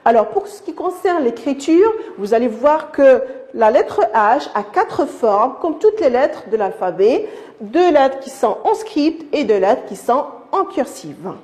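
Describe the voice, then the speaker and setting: A woman's voice: high-pitched, very animated, a little mellow. A woman teaching a lesson to young pupils, patient and repeating herself, speaking to them affectionately. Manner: slow, patient, repeats and restarts words. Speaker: primary school teacher. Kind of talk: recorded lesson explaining to young children.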